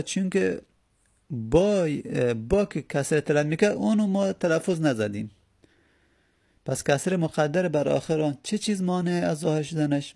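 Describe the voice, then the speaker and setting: A man's voice: a little high, creaky, dark tone. A man teaching a grammar lesson, patiently explaining step by step and answering his own questions.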